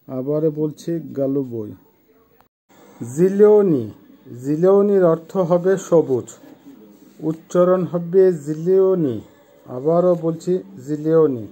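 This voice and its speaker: A man in his fifties from Bangladesh with a Bangladeshi Bengali accent, teaching vocabulary slowly and methodically, repeating each term. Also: on the high side, dark tone. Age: 50s. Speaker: language teacher. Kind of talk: vocabulary lesson, word by word.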